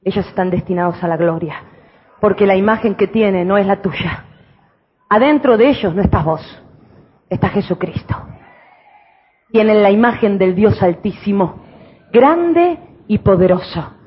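A woman pastor with a Rioplatense Spanish accent preaching a fervent sermon, switching between shouted exclamations and quiet, intimate counsel. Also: mid-range voice, lively intonation, measured pace, pauses often, slightly rough, muffled recording.

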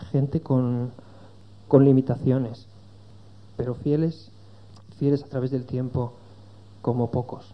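A man's voice: medium pitch, lo-fi sound. A man preaching a sermon to his congregation, earnest and rising to emphatic peaks.

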